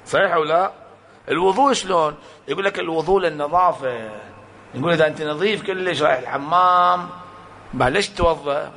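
Male preacher, somewhat high-pitched, animated storyteller with a sharp, bright tone. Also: a little hiss or hum. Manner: animated storytelling with acted-out quotes and rhetorical questions. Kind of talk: sermon to a congregation.

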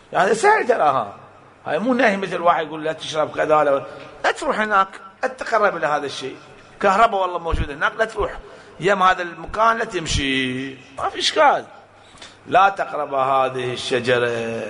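Male preacher, somewhat high-pitched, animated storyteller with a sharp, bright tone. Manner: animated storytelling with acted-out quotes and rhetorical questions. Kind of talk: sermon to a congregation.

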